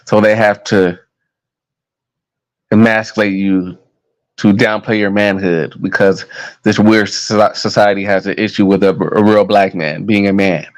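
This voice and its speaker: A man's voice: fairly low pitch, low-quality recording. An American man in his thirties talking to his viewers in a casual, heated monologue, blunt and full of profanity. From United States. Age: 30s. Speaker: vlogger.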